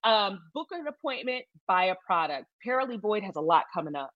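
With a sing-song lilt in a mid-range voice, she talks fairly quickly. She's a middle-aged salon founder from Michigan giving emphatic advice in an interview and repeating key phrases for stress, recorded with dull audio and no room sound.

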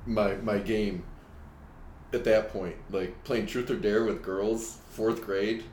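A man in casual chat, relaxed and hesitant, telling a childhood memory. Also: on the low side, slow pace. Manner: relaxed, hesitant with fillers and restarts. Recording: roomy echo with faint hiss.

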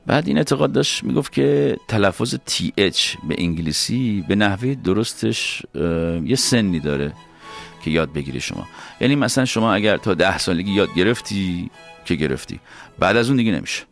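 A male host telling stories in a playful, animated casual chat. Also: fairly low pitch, vocal fry, faint music behind.

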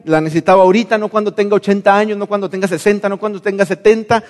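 A man's voice: sits high, fairly even intonation, racing, in a large hall, natural voice. A man acting out a wayward young son who pleads with his father. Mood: pleading.

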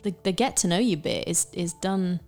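A woman in her late thirties co-hosting a podcast, musing in a halting way with many restarts and ums. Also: lowish voice, darkish tone, soft background music. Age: 30s. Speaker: podcast co-host. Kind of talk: casual chat.

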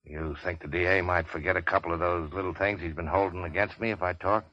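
A man's voice: deep voice, fairly even intonation, fast, no room sound, close to an everyday voice. An actor playing a wounded big-shot racketeer, wry and world-weary, with clipped slangy tough-guy talk in a vintage radio crime drama. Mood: shrewd. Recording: dull vintage radio recording.

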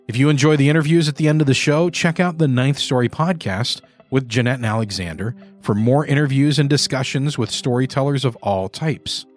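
A man's voice: medium pitch, fairly quick, hardly any pauses, faint music behind. A man hosting a podcast in a scripted presenter style. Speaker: podcast host and narrator.

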